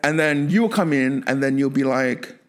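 A man's voice: medium pitch, expressive, normal speed. A man co-hosting a podcast in casual chat, playful and leading with the questions. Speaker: podcast co-host.

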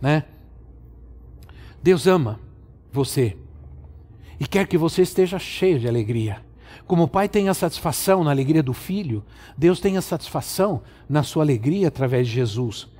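A middle-aged Brazilian pastor preaching with emphatic, drawn-out repeated phrases in a fairly high voice. His sermon carries a long reverb from a church hall. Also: lively intonation, warm tone. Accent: Brazilian Portuguese.

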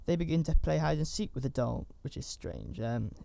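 A man's voice: mid-range voice, big pitch swings, normal speed, gravelly, mellow, dry recording. A man giving a casual, rambling recap of a horror movie, with chatty asides and fillers. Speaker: film reviewer.

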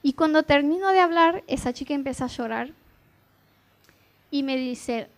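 A woman's voice: high voice, moderate pace. A young woman, giving a testimony sermon and acting out the dialogue as she tells the story.

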